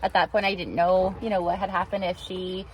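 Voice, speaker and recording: A woman's voice: lowish voice, flat delivery, brisk, rough recording. A woman co-hosting a kayaking vlog, speaking earnestly and from the heart in casual chat.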